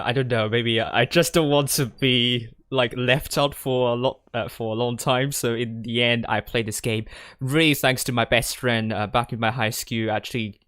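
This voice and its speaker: Seated at a desk in his gaming chair, a young streamer and tournament commentator from Hong Kong chats loosely with viewers, hesitating, rambling and repeating himself. His mid-range voice is a bit bright, recorded clean in studio quality with no echo.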